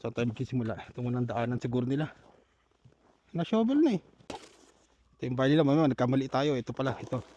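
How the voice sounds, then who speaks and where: A man's voice: mid-range voice, lively intonation, fast talker, long pauses, dark tone, lo-fi sound. An older man, narrating a casual vlog while he shovels snow outdoors. He is out of breath and laughs often between phrases. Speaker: vlogger.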